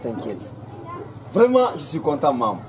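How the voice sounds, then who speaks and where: A proud father gushing with delight, played by a man, his voice leaping all over in pitch. He sits a little high for a man. Clear background noise runs under him. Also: huge pitch swings, moderate pace. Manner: effusive, exclaiming. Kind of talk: African film acting. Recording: noisy, distant mic.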